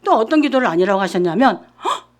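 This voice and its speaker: A woman junior pastor giving an animated children's sermon in church, asking the kids questions. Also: a little high, fast. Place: church during a service.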